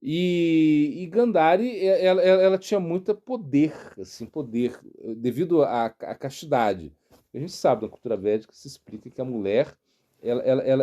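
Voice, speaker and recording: A middle-aged man with a Brazilian Portuguese accent, a monk giving a devotional sermon in an unhurried storytelling way, pausing to search for words. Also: mid-range voice, warm tone. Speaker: monk and spiritual teacher.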